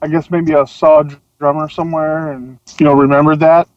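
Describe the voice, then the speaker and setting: Podcast guest, male, slightly higher voice, dry close sound, animated storyteller. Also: brisk, dry recording, dull audio. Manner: animated, acts out voices in stories. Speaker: guest, drum tech. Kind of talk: casual storytelling.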